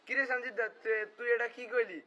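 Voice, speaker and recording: A man's voice: very high voice, fairly even intonation, fast, heavy background noise. A man playing a touchy, sulky young friend in a comedy skit, with a Noakhali Bengali accent. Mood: indignant. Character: touchy young male friend, sulky about being small. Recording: muffled lo-fi, loud music.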